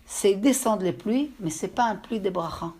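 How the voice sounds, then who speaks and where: A woman with an accent giving a religious lesson to a group, telling stories in a halting way and often checking that her listeners understood. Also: mid-range voice, expressive, darkish tone, slightly rough. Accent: speaks with an accent. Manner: storytelling, with halting restarts. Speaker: religious teacher. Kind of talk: lecture to a group.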